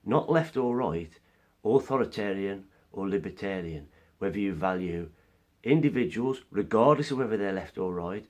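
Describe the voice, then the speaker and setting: An animated man with a fairly low pitch and normal speaking speed gives an earnest vlog monologue of his opinions. He explains by way of analogies, and the occasional cough reveals his cold.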